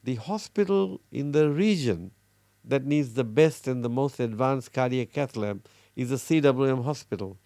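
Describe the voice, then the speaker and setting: A middle-aged man from Fiji, a cardiologist, talking earnestly in an interview with many pauses and restarts. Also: medium pitch, warm tone, no echo. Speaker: cardiologist guest. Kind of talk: casual interview talk.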